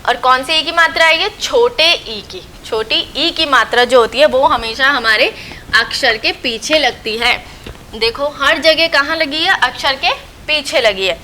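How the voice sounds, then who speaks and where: This high-pitched, bright-voiced schoolteacher speaks slowly in a recorded online lesson aimed at young children. Patient throughout, she repeats herself and answers her own questions. Slight background noise comes through in the low-quality recording.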